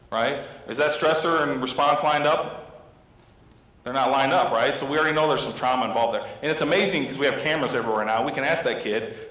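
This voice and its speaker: A man's voice: mid-range voice, fairly bright tone. A man in his thirties, a school counselor, speaking to an audience of teachers, telling stories and asking the audience questions. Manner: storytelling, asks the audience questions. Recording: echoey hall with long reverb.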